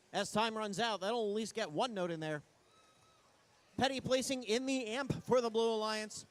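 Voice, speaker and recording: A man giving live play-by-play commentary as an event announcer, in an excited delivery. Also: extremely high pitch. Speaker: play-by-play announcer at a robotics competition.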